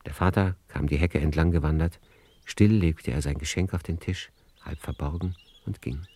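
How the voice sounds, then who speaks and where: Narrating a radio play in the manner of a literary storyteller, a deep-voiced man speaks in a measured, lyrical way. His tone is dark, and the recording is close and dry, with no room sound or echo.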